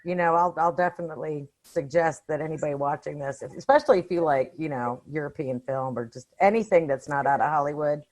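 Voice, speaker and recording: A woman with a low, slightly mellow voice talks fast and barely pauses. She's a podcast panelist reviewing films in a casual discussion, offering opinions in an informal, slangy way.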